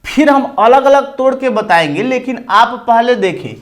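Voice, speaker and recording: A man's voice: extremely high pitch, expressive, moderate pace, a bit bright. A man teaching a Hindi grammar lesson, explaining step by step and asking and answering his own questions, with an eastern Uttar Pradesh accent.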